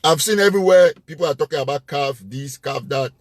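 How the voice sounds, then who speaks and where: A man's voice: a little high, brisk, no echo, clean studio sound. A man hosting a live show, giving an impassioned, emphatic address that repeats its points with rising force. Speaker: live-show host and political commentator.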